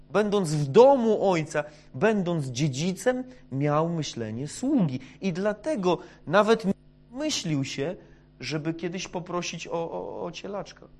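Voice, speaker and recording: Fairly high-voiced preacher man. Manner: hesitant with many fillers, swings from hushed to loud. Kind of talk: sermon.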